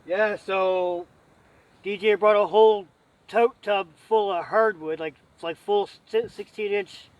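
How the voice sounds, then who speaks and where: Male outdoor vlog host, notably high voice for a man, loose folksy banter with a camping buddy, joking and meandering. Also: fairly even intonation, a little slow, recorded from a distance. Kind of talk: casual chat to camera with a friend.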